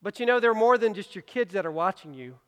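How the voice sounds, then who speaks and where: A man's voice: sits high, animated, fast. A man preaching a sermon as pastor, talking conversationally and with emphasis, mixing in personal asides. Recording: long reverb of a large hall.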